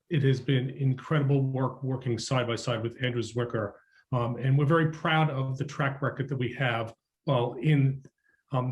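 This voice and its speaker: A man running for office, giving an earnest opening statement with frequent ums. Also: mid-range voice. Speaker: political candidate.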